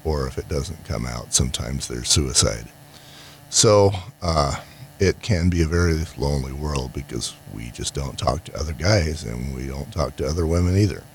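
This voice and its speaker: A middle-aged man giving a casual, rambling monologue in a halting, reflective way, often trailing into pauses. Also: a bass voice, lively intonation. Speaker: solo podcast host and small business owner. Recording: clear background ambient noise.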